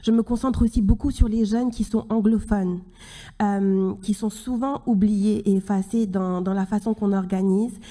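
A woman in her thirties giving a closing conference speech from a podium, earnest and halting, with many restarts. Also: mid-range voice, fairly even intonation, mellow. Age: 30s. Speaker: keynote speaker. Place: large conference hall stage at a podium. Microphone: podium microphone.

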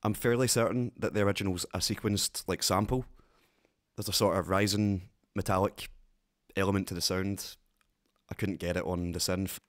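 Low-voiced Glaswegian man explaining a synth. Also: normal speed. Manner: relaxed, rambling, lots of fillers. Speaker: synth tutorial host. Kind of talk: casual tutorial talk.

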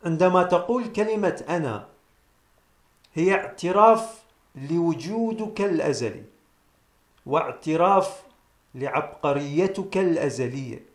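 A man gives a solemn metaphysical teaching in a somewhat high voice. He repeats his key phrases slowly for emphasis, and the sound rings around an echoey room. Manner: addresses listeners as brothers and sisters. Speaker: presenter of a spiritual self-help series.

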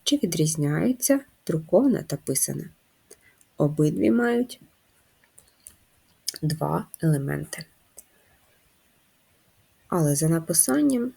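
A woman's voice: low voice, gravelly, a little mellow, slightly rough. A woman teaching a first-grade handwriting lesson, patiently encouraging the children and guiding them step by step. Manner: slow sing-song chanting of a children's rhyme.

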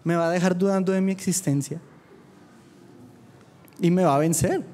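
A man preaching to young people with a fervent drive. His voice sits high, and he mixes earnest appeals with quick, joking asides. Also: steady tone, mellow. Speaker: youth preacher. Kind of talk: sermon. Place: church youth meeting.

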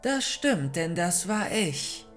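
A cold, mocking young woman villain from a horror audiobook, read by a man. She gloats in a fairly high voice over faint music. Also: big pitch swings, slow pace, fairly bright tone, exaggerated voice. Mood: cold gloating.

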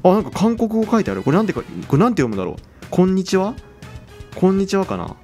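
Excitable chatty man with lively pitch. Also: fast talker, soft background music. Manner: chatty, excitable, exclaims over items. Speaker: game channel host. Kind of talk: casual game commentary.

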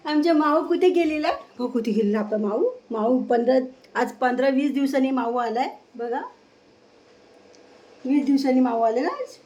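A woman's voice: high voice, normal speed, darkish tone. A woman, vlogging at home and coaxing her cats in a cooing voice. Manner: coaxing, cooing baby talk to pets. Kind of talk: casual vlog talk to her cats. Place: home with pets.

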